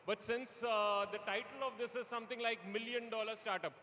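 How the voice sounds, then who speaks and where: A man in his forties with an Indian accent moderates a live panel in a large indoor hall before an audience, joking in a teasing, self-deprecating way. His voice is extremely high-pitched, steady, bright and forceful, and a little fast. The event microphone picks up an echoey hall, the live PA, and slight background noise.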